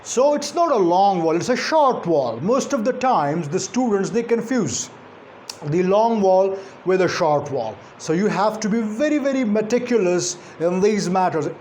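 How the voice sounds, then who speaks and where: A man teaching English pronunciation, speaking deliberately and repeating example sounds slowly. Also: sits high, a little mellow, a little hiss or hum. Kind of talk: phonetics lecture.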